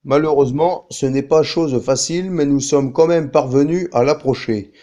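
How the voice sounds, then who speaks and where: Man as a mellow, higher-voiced news anchor. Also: normal speed, natural voice. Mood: composed. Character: dry male TV news anchor covering a political visit. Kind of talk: parody news presenting.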